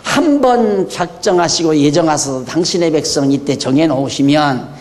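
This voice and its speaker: An older man preaching a sermon in a church, moving between quiet asides and fiery, shouted questions. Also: on the high side, animated, moderate pace, long reverb tail. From Korea. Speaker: pastor. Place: church hall.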